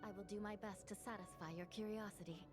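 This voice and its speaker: A woman voices a calm, reasoned court clerk in a video game. She speaks in a measured, formal way, and game music plays behind her. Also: medium pitch, close to an everyday voice. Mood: composed.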